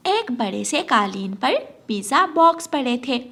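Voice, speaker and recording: A woman narrating a children's cartoon story and voicing its characters in a lively way. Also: fairly high pitch, unhurried, exaggerated voice. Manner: lively, defensive, chatty. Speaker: narrator and voices of several characters.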